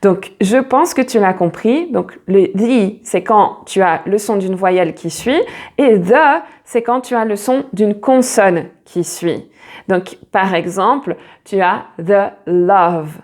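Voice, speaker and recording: Woman, English teacher, online lesson; slow, patient, repeats words to model sounds. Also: medium pitch, animated, a little mellow.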